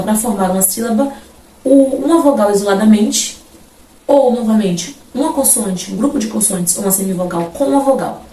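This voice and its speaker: A woman teacher, explaining a grammar lesson and repeating example words slowly. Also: mid-range voice, a little mellow. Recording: roomy, from a distance, faint background noise.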